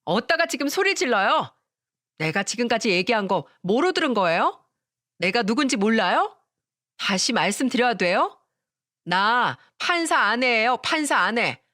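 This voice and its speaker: A woman's voice: sing-song, moderate pace, fairly bright tone, no room sound, clean studio sound. A woman voicing a haughty young wife of a judge who mocks and threatens her sister-in-law in a storytelling radio drama. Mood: threatening. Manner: mocking, shrill and bossy.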